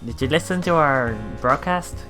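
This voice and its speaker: A let's play streamer with a low voice reads visual novel lines aloud at normal speed, giggling and giving casual commentary, often reacting and repeating words. Visual novel game music plays behind her.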